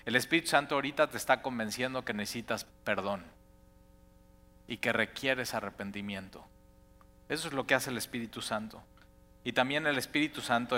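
A male pastor preaching a sermon in a church, animated and acting out his listeners' inner voices. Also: mid-range voice, long reverb tail.

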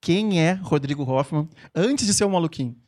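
A male podcast host with a slightly high voice for a man. He talks casually and slangily, teasing and playful as he runs the conversation. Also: animated, normal speed, a little mellow, dry recording. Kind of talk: casual podcast interview chat.

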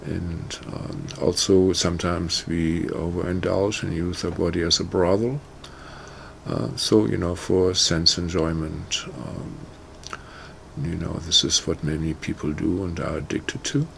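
A man introducing a guided meditation in a casual, halting way, full of "you know" and "uh". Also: low voice, steady tone, vocal fry, a bit bright, a little hiss or hum. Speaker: meditation teacher. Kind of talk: casual spoken talk.

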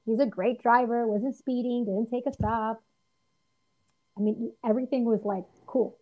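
Female interview guest, earnest, animated storyteller, restarts often; slightly dull lo-fi recording. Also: on the high side, normal speed. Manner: earnest, lively, frequent restarts and fillers. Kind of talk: personal storytelling in conversation.

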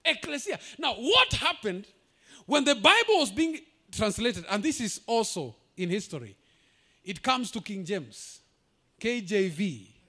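Male pastor, very high voice, lively swooping delivery, emphatic sermon with shouted peaks. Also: measured pace. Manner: emphatic preaching, rising to shouts, drops into Swahili asides.

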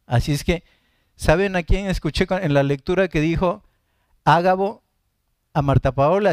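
A man preaching a live-streamed Bible study sermon in a fairly high, smooth, clear voice. He reads scripture verses and then explains them at an unhurried pace, correcting himself in asides. The sound is dry and close, with almost no room echo.

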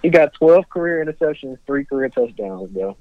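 A man's voice: mid-range voice, expressive, a little fast, phone-quality sound. A man co-hosting a casual sports podcast, blunt and emphatic with slangy talk. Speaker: podcast co-host.

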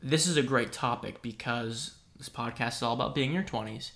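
A man's voice: medium pitch, fairly quick, vocal fry, fairly bright tone. Male podcast host, probing questions. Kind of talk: interviewing.

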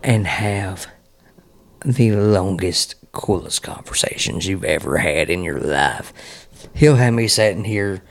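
A man's voice: low voice, slow pace. A man in a casual podcast chat as a guest, rambling in a folksy way and cursing often. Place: at home.

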